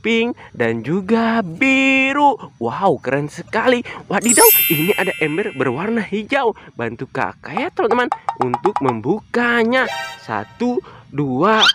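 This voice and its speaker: An excited presenter of children's toy videos, exclaiming and repeating catchphrases to young viewers like a party magician. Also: medium pitch, a little slow. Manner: exclamatory, repetitive, like a kids' party magician counting and chanting for children. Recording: music behind the voice.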